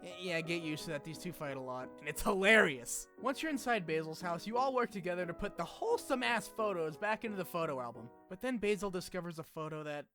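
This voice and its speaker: Music plays behind a man hosting a video essay, where scripted lines mix with joking, casual asides and occasional swearing. He sounds high, expressive and sharp, speaking quickly with hardly any pauses.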